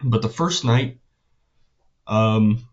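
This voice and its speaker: A teenage guy with a fairly low voice talks casually, as if recapping his day for a vlog. His delivery is hesitant and halting, with phrase ends that trail off. The sound is a bit dull and lo-fi. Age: teenager, about 16. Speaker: vlogger.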